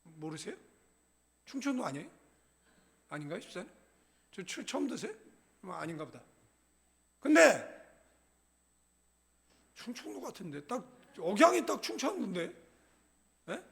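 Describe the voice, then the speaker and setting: High-pitched gravelly pastor preaching. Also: male voice, big pitch swings, moderate pace, pauses often, a bit bright. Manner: humorous, conversational, asks the congregation "예?". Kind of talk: sermon. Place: church sanctuary.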